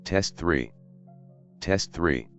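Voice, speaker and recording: Male robot voice, text-to-speech, gravelly, faint music behind. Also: sits low, drawn-out words, lo-fi sound. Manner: flat synthetic readout of single test words. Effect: text-to-speech robot voice played back.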